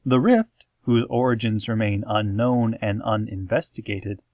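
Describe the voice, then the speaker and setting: Speaking in a rather low voice, a man plays a solemn, eerie pony radio host and reads scripted parody news in a measured, formal deadpan. There's no echo.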